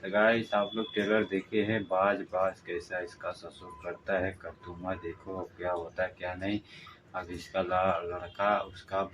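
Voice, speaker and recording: A man introducing his video as a vlogger in a chatty, informal way. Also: sits low. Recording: noisy background.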